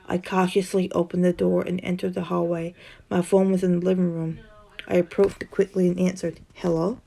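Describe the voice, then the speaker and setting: A woman reads a first-person horror story aloud with a low, gravelly, fry-laced voice. Her tone is dark and mellow, and she tells it steadily, now and then tripping over a word. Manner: steady storytelling, occasional tongue-tied slips.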